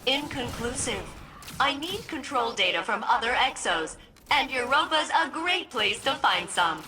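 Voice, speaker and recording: An actress playing a chatty, joking ship AI in a video game. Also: female voice, a little high, lively intonation, bright, forceful tone. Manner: chatty, joking, quick asides. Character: chatty female ship AI, jokey and eager. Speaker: game character. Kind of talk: video game cutscene dialogue.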